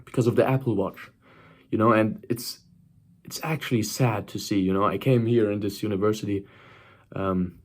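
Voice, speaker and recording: Here a nineteen-year-old man talks to camera at a moderate pace, his pitch fairly low and his intonation fairly even. As a self-improvement vlogger he delivers casual motivation with emphasis, repetition and frequent check-ins with the viewer.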